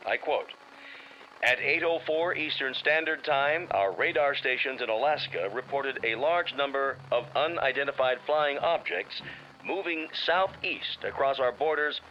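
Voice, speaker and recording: In a drama, an American actor plays a formal male announcer gravely reading an emergency bulletin through a radio filter. His medium-pitched voice is a little slow and official, and the recording sounds like a dull, noisy old radio broadcast.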